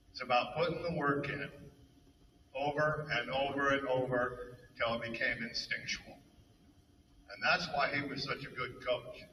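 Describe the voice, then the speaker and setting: A man's voice: medium pitch, bright, forceful tone, far from the mic, a little hiss or hum. Emotional man in an echoey hall. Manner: emotional, reminiscing, halting. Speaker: eulogy speaker, fellow coach. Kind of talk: memorial speech. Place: hall at a memorial service.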